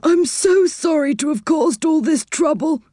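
A high, apologetic storybook tinker, put on by a woman reader, rambling sadly about his pots and pans. The voice sits well above a normal speaking pitch and sounds set apart from the narration. It is recorded close and dry. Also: expressive, a little slow, warm tone, no room sound. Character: sorry, simple-hearted male tinker figure.

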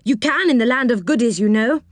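A woman voicing an excitable little magical man in a storybook reading, eager and fussy. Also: fairly high pitch, brisk, no echo, clean studio sound, voice pushed up, natural voice.

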